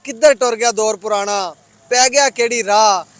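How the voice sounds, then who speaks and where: A Punjabi man with a distinctly high voice recites nostalgic folk poetry. His delivery is declamatory and rhythmic, like a poet at a gathering. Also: moderate pace, a bit bright, no room sound. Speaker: guest poet.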